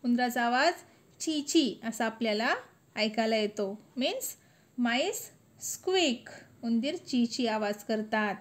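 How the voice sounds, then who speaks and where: A woman teacher, slowly reciting a children's poem and explaining it in a sing-song classroom manner. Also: a little high, animated. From India. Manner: slow, sing-song recitation with lifted words.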